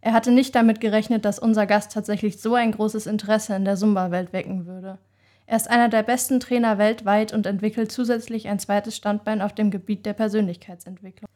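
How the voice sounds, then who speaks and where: A woman's voice: medium pitch, fairly even intonation, brisk, darkish tone. Woman, event organizer; prepared, glowing introduction.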